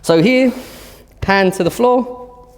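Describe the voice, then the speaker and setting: His voice is high and slow, with the sound of a big room around it, as this fitness instructor takes a class through handstand conditioning. He demonstrates while cueing each move and occasionally gets out of breath.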